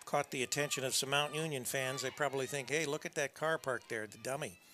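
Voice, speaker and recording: A man giving conversational, unscripted play-by-play softball commentary with folksy asides. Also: medium pitch, fairly even intonation, brisk. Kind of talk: unscripted live sports commentary. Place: press box at a college softball field.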